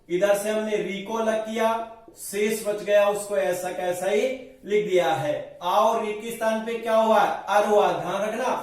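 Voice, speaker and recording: High-voiced male teacher in an echoey room. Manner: explains step by step, asks and answers own questions. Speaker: Sanskrit grammar teacher. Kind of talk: classroom lecture at a board. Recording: very echoey room, mic far off.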